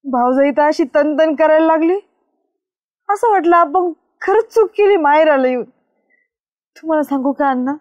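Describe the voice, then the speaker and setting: A tearful young village woman with a rural Maharashtrian Marathi accent and a high voice. She sounds hurt and quiet, and the recording is dry and a little dull. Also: no echo. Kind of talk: village family drama acting.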